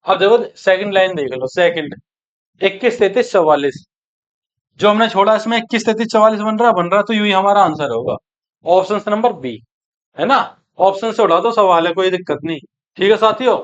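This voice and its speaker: A man teaching an exam-prep maths lesson, brisk and coaxing, who keeps checking that his students follow. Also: high voice, muffled recording.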